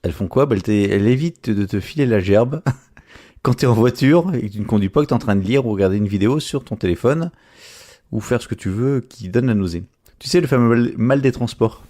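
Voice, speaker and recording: A man's voice: medium pitch, expressive, a little fast, mellow. A man co-hosting a casual tech news podcast, joking and searching for words as he goes. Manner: joking, hunts for words mid-sentence. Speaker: podcast co-host.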